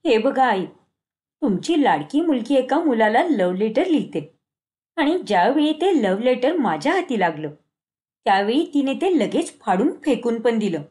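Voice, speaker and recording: A woman voicing a young married daughter-in-law who speaks in a sharp, accusing way. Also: a little high, sing-song, moderate pace.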